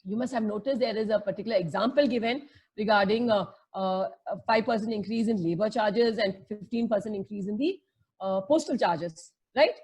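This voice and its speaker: A woman's voice: mid-range voice, fairly quick, darkish tone, husky, poor audio. A woman with an Indian accent teaching a lesson in a conversational way, explaining with everyday examples and checking in with questions. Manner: conversational, checks in with rhetorical questions and tag words; mixes Hindi phrases into English.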